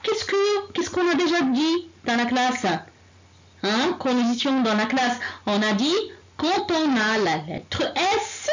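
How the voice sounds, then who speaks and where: A woman's voice: on the high side, lo-fi sound, slight background noise. A woman teacher leading a reading lesson for young children, drawing out syllables and words for them to repeat. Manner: slow, drawn-out, repeating syllables for children to echo. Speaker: primary school teacher.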